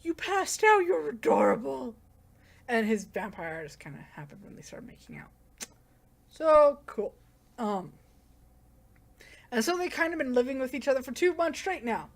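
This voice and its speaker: A woman's voice: a little high, lively intonation, moderate pace, long pauses. A woman giving a casual, rambling plot recap as a manga reviewer, with lots of "like" and self-corrections.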